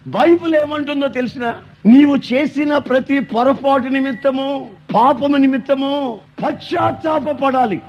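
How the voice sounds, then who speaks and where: A man preaching a sermon, telling stories and building to loud, emphatic declaiming. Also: very high-pitched, muffled recording.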